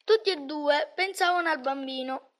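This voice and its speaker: A woman reads a Christmas storybook aloud. Her voice is high and light, and she narrates calmly with measured phrasing. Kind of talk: storybook reading.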